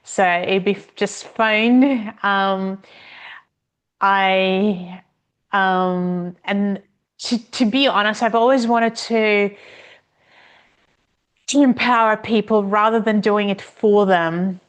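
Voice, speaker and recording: A woman as a podcast guest, telling stories in an unhurried way with many pauses and restarts. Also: medium pitch, clear, resonant tone. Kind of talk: casual interview conversation.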